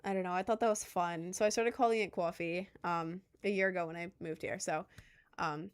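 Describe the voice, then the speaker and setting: In a lowish, smooth voice with a steady tone, a Maryland content creator in her twenties talks briskly and casually with her livestream viewers. She rambles and mocks herself, speaking with a light Southern accent mixed with New York.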